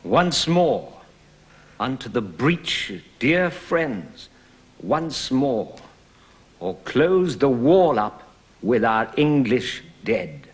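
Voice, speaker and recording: A man's voice: medium pitch, very animated. A rousing warrior king. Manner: stately, drawn-out declamation with heavy stresses. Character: king rallying his soldiers to battle. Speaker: actor in a verse workshop. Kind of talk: declaimed Shakespearean verse.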